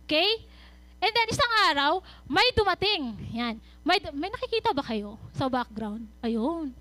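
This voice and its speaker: A young woman giving a youth sermon, retelling a Bible story in lively Taglish with quick asides. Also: high voice, no room sound. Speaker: youth speaker.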